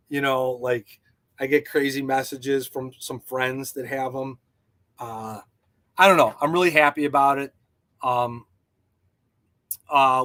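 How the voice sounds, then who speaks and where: A man's voice: medium pitch, bright, forceful tone. A man hosting a casual livestream, rambling enthusiastically with many fillers and answering viewers' chat. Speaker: livestream host and jig designer.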